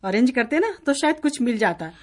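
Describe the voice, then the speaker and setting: A woman's voice: high-pitched, very animated, brisk. An actress playing a wife who mourns her belongings lost in a flood, in a radio play. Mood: aggrieved. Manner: complaining, sulky. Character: grieving, complaining young wife. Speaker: radio drama actor.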